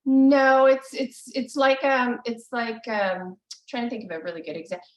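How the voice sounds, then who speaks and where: A woman teaching a language lesson over a video call, patient and encouraging, often pausing with ums. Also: fairly high pitch, fairly even intonation. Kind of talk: live online language lesson. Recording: echoey, distant video call audio.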